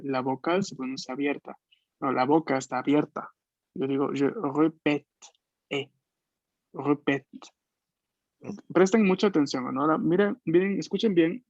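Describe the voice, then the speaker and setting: A man's voice: fairly high pitch, darkish tone, dry recording. Man teaching French over a dull call. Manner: patient, explains slowly, models French words at a deliberate pace. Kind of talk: online language class. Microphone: video call. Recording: dull lo-fi video call audio.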